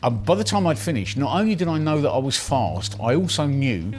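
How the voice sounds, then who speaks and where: A man's voice: medium pitch, sing-song, fairly quick. English man telling a personal story. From England. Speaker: contestant recounting a speed-talking contest. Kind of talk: anecdotal first-person storytelling.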